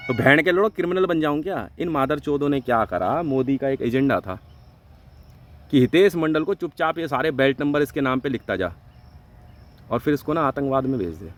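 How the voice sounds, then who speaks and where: A man from India ranting angrily and swearing heavily in a vlog, jumping between loud outbursts and low mutters. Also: lively intonation, a little fast. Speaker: vlogger. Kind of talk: angry profane rant to camera.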